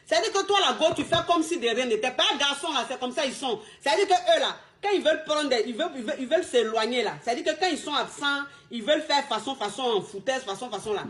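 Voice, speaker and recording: A high-pitched woman speaks as a relationship coach. Her delivery is emphatic and repetitive, peppered with street slang. It sounds like a casual advice monologue. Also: animated, fast talker, hardly any pauses, a bit bright.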